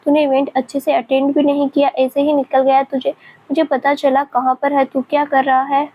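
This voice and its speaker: A woman's voice: high-pitched, completely flat delivery, moderate pace, highs cut off, lightly acted. A woman reading the lines of a nosy, irritable young male friend who asks blunt, pestering questions. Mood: annoyed.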